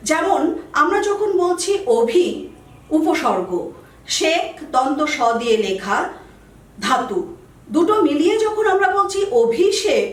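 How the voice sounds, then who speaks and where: A woman's voice: sits high, echoey room, far from the mic, low-quality recording. A woman teacher explaining spelling rules to students, carefully listing example words one by one and stressing key points.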